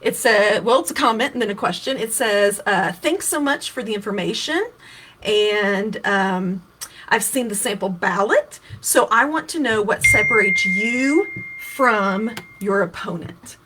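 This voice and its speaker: There's slight background noise as this woman, a fifties-aged political candidate from Kentucky, chats through voting options and viewer questions on a casual livestream. Her mid-range voice is expressive and sharp in tone, unhurried, and she frequently restarts.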